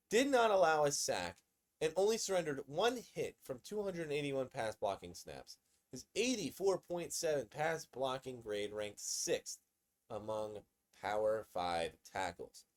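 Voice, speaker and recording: A man at medium pitch runs a casual sports commentary video, talking in an excitable, conversational way with frequent repetition.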